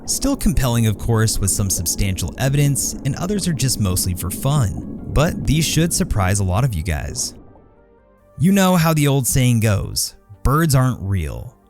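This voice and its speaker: A man reads a scripted gaming video with an animated, swinging pitch at a middle register. He sounds informative and lightly playful as he walks through each secret. Soft music runs faintly underneath. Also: moderate pace. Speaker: gaming lore narrator.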